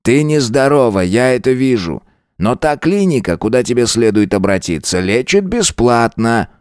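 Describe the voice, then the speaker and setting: A man's voice: medium pitch, very animated, moderate pace, clear, resonant tone, no room sound, studio quality, voice pushed up, natural voice. A man voicing a stern older husband who speaks curtly and mockingly to his wife. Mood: cold. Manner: curt, cold, mocking.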